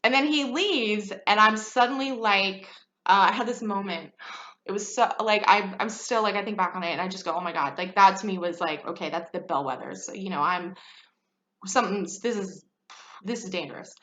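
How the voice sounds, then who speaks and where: A woman's voice: mid-range voice, moderate pace, a bit bright. A woman in her thirties talking frankly about her own life, chatty and full of fillers. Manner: chatty and frank, many fillers, laughs often. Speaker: podcast host. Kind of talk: candid personal talk. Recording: echoey room, slightly dull sound.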